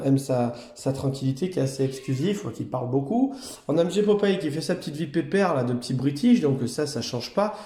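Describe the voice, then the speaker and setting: A man who runs a cat hotel chats casually through a vlog in a warm tone, now and then slipping into a higher-pitched baby talk to coo at the cats. The room sounds echoey.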